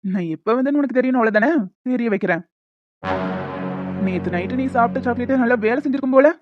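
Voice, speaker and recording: A woman voicing a stern but caring young man in an animated story, speaking in a firm, lecturing way. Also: a little high, muffled recording, soft background music, lightly acted. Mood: teasing. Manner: firm, lecturing, quick-talking.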